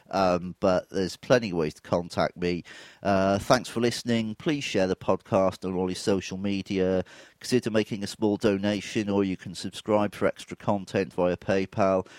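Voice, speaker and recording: A man in his forties, throaty with a touch of flu, hosts a solo podcast in a low-pitched voice captured as a dry recording. He comes across as reflective, candid and self-deprecating.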